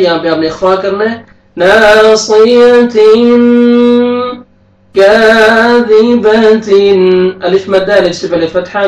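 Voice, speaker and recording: A man with a Pakistani Urdu accent teaching a tajweed lesson, slowly chanting verses and then quickly explaining the rules in a soft voice. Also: high voice, recorded from a distance. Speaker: Quran teacher. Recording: echoey room, voice a bit off-mic.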